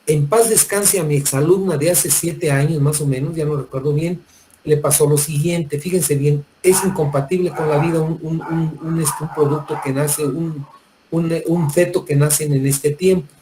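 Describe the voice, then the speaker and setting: A middle-aged Mexican-accented professor lectures his medical students in a fairly high but mellow voice. He speaks colloquially and turns to the class directly. He often stumbles over words and restarts his sentences, with a faint hiss of noise behind him. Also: steady tone, normal speed, poor audio.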